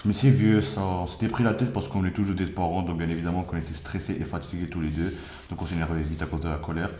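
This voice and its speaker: A man's voice: sits low, fairly even intonation, fast talker, dark tone, echoey room, a little hiss or hum, lightly acted. A man playing a young husband questioned by the gendarmes, hesitant and full of fillers. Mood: defensive. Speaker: suspect. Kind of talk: amateur acted interrogation.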